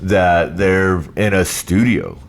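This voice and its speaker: A man's voice: deep voice, animated, takes it slowly, vocal fry. A man hosting a podcast explains things in casual, conversational talk in a living room. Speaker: podcast host.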